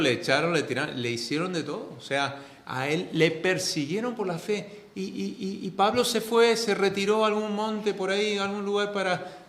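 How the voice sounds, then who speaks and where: Earnest Spanish pastor in an echoey church. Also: male voice. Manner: earnest, repeats key phrases for emphasis; swings between loud stresses and soft, low asides. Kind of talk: sermon. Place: church sanctuary.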